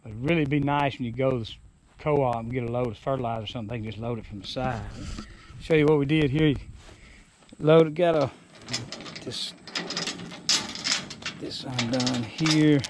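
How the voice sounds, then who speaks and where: This Alabama man in his forties has a medium-pitched, slightly mellow voice with a Southern US accent, speaking at normal speed with long pauses. Showing off a rebuilt trailer on a rural farm lawn, he rambles folksily and breaks off sentences to restart them. His action camera, held, worn or sometimes set down, leaves a little hiss or hum on the recording.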